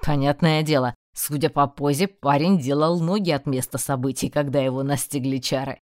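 A woman's voice: deep voice, steady tone, moderate pace, no room sound, natural voice. A woman voicing a cocky mocking male magister. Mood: amused. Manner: teasing, confident, sharp. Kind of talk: audiobook character voicing.

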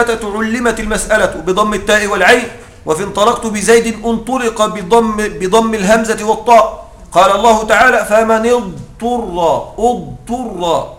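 A man teaching a grammar lesson, often checking that his students follow and reciting quoted lines slowly. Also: high-pitched, fairly even intonation, a bit bright, roomy sound. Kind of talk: classroom lesson explaining a text.

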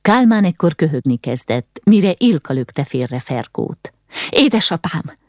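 A woman reading a novel aloud in measured, steady audiobook narration. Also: low-pitched, no echo, clean studio sound.

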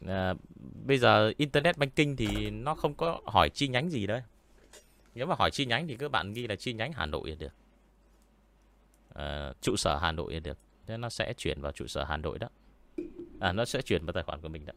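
Deep-voiced man in casual chat. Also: animated, gravelly, fairly bright tone, slight background noise. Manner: unhurried and explanatory, many hesitant fillers. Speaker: horror story reader and channel host. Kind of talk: casual livestream chat answering viewers. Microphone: studio mic with pop filter.

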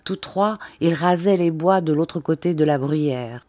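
Brief: woman audiobook narrator, low and mellow, measured literary reading, dry close mic. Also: dry recording. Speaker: audiobook reader.

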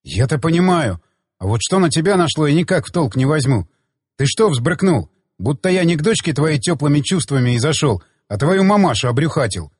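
A man's voice: fairly high pitch, very animated, fairly quick, breathy edge, no room sound, studio quality, in a large hall. A man voicing a blunt young man who answers in plain, direct retorts. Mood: arguing.

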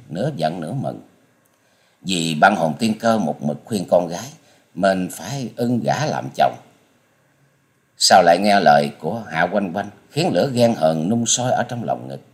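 Man, audiobook narrator, deep voice, lively intonation, expressive. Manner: expressive storytelling. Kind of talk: dramatic martial-arts audiobook narration.

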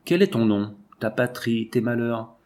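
A man's voice: medium pitch, lively intonation, a little slow, darkish tone, natural voice. A man reading the lines of a young exiled daughter who earnestly implores her parents, in an audiobook. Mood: imploring. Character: young woman, devoted pleading daughter in exile.

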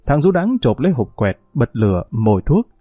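A man narrating a novel as an audiobook in an expressive, dramatic storytelling manner. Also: medium pitch, normal speed, slightly rough, no room sound, studio quality.

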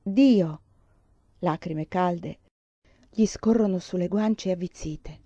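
A woman narrating an audiobook in a measured, solemn way. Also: fairly low pitch, fairly even intonation, vocal fry, dark tone, no room sound, highs cut off. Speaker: audiobook reader.

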